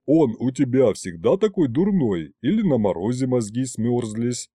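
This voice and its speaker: A man voicing a gruff old grandfather Winter spirit with a deep bass voice, grumbling and weary. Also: big pitch swings, normal speed, dark tone, no room sound, clean studio sound.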